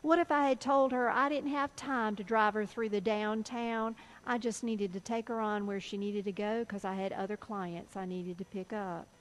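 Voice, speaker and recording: A woman's voice: mid-range voice, fairly even intonation, moderate pace, few pauses, close to an everyday voice, low-quality recording. A woman preacher voicing a kind, humble male taxi driver with a plain, reassuring manner. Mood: regretful.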